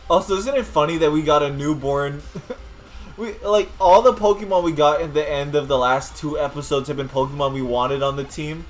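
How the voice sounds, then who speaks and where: A man's voice: a little high, a little fast, faint music behind. A young man doing casual, jokey gameplay commentary as he hosts a gaming video. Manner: jokey, laughs while talking.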